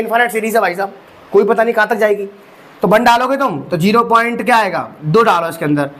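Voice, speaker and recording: A young man teaching maths, walking students through each step with rhetorical questions and calling them bhai sahab. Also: sits high. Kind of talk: exam-prep lecture.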